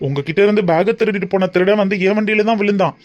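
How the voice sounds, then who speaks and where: A man's voice: high voice, racing, a little mellow, dull audio, close to an everyday voice. A man voicing an easygoing young man who jokes and reassures in a family cartoon. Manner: breezy, joking. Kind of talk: cartoon dub acting.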